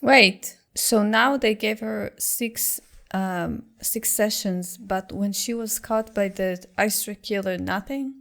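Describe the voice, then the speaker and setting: A woman hosting a reaction video speaks at a slow, unhurried pace in a mid-range voice. She gasps out short exclamations, swears now and then, and muses aloud. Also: medium pitch, creaky, fairly bright tone. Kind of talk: casual reaction commentary.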